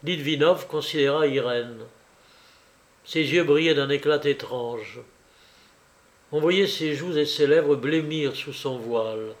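A man reading a novel aloud in a measured, deliberate way. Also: fairly high pitch. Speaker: audiobook reader. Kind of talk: literary reading.

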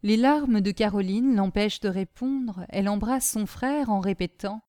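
Female audiobook reader: calm, measured, mellow narration. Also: mid-range voice, dry recording, clean studio sound. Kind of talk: scripted story narration.

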